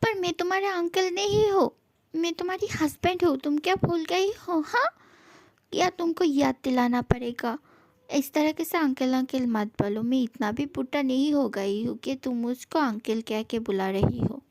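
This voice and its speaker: A woman's voice: high voice, normal speed, darkish tone, no echo. A woman voicing a young husband in a fan audio drama, tender and pleading one moment, teasing and mock-threatening the next. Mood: mock offended.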